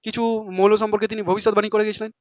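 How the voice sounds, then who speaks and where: Man, teacher, quick and informal, quizzing students, high-pitched, dry dull-sounding recording. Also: monotone, no echo. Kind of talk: classroom lesson.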